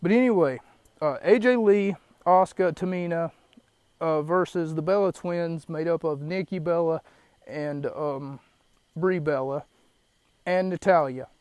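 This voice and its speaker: A man's voice: a little high, unhurried, a little mellow, clear, resonant tone, no echo. A young man hosting a solo podcast from his parked car, rambling and shaken, catching his breath between fillers. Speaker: podcast host. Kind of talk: solo podcast, wrestling recap. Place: parked car in an empty lot.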